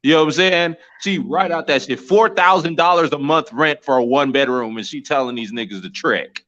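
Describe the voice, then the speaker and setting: A man's voice: on the high side, fairly quick, a bit bright. A man on a talk stream panel in casual chat, blunt and opinionated, with heavy street slang. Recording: dull lo-fi remote audio.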